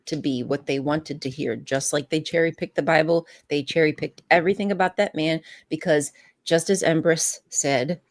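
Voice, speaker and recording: A woman's voice: low-pitched, normal speed. A woman co-hosting a casual podcast chat, making emphatic points. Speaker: podcast co-host.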